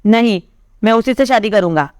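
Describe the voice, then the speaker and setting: A woman voicing a stubborn young man in love who speaks earnestly and insistently, with a clear voice. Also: mid-range voice, animated, normal speed, darkish tone, no echo, studio quality, close to an everyday voice. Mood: defiant. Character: stubborn young man in love, defiant toward his sister.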